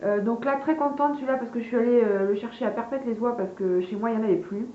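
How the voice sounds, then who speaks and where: A beauty vlogger with a highish voice talks fast as she chats casually through a product haul, hesitating and using lots of fillers while calling her viewers "girls." She's in a room at home with party noise drifting up from below. The room echoes, and the lo-fi sound is dull, with the party faintly audible.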